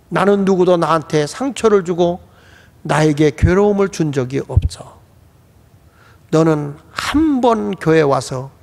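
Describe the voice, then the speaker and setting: A male preacher voicing a hushed, sorrowful older mother. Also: creaky, long reverb tail. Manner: soft, low, partly whispered. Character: older devout mother, calm, gentle, sorrowful.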